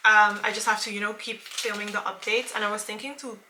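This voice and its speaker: A woman's voice: medium pitch, flat delivery, fast talker, background noise. A woman in her late twenties talking casually to camera as a vlogger, chatty and rambling with many fillers and restarts. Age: late 20s. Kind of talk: casual vlog chat to camera.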